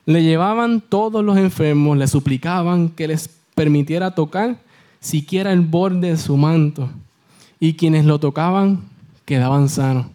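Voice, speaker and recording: Puerto Rican preacher, lively and questioning. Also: male voice, fairly high pitch, a little slow. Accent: Puerto Rican Spanish. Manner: animated storyteller who asks the congregation questions and answers them. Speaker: youth leader preaching. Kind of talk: sermon.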